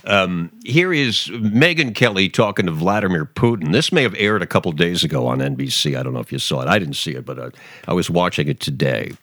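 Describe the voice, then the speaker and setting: A man's voice: deep voice, lively intonation, a little fast, fairly bright tone, dry recording, clean studio sound. A man hosting his own talk podcast, rambling and sarcastic, with many fillers and restarts. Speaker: podcast host. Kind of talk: opinionated talk podcast monologue.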